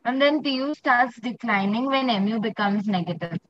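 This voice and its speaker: A woman's voice: a little high, animated, normal speed, a little hiss or hum. A young woman with an Indian accent, a student reciting answers in an online class. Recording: muffled lo-fi online call audio.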